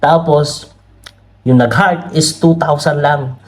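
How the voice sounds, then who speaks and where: A man's voice: a little high, steady tone, slow. Chatty Filipino man reading comments. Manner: chatty, laughs often, many tag questions; reads comments aloud from screen. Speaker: political commentary vlogger. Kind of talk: casual commentary. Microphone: camera mic.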